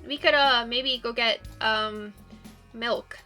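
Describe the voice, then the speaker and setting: A woman's voice: on the high side, slow, sharp tone, soft background music. Woman voicing a shy, anxious, hesitant young woman. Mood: flustered. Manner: nervous, hesitant, stammering.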